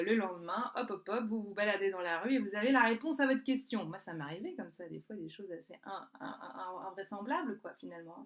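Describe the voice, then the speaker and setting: A woman speaks casually to her viewers in a loose, chatty way. She stops and restarts often, filling gaps with short sounds while she hunts for the right word. Her voice sits at an ordinary middle pitch. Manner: chatty, searching for words with many fillers and restarts. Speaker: energy healer. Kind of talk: casual talk to camera. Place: works in a southern French spa town.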